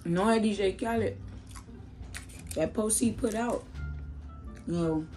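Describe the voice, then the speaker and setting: A young adult woman does a mukbang vlog from a small room at home, chewing and talking with food in her mouth. Her mid-range voice is slow and dark-toned, and she chats slangily, calling viewers "bro" and "y'all." Soft music plays in the background.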